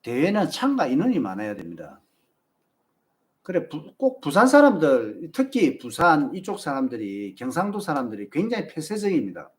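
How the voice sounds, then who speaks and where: A man hosting a marathon channel talks casually with his live-stream viewers and offers them tips, his Busan Gyeongsang Korean accent clear. His voice is a little high, with wildly swooping pitch, at normal speed.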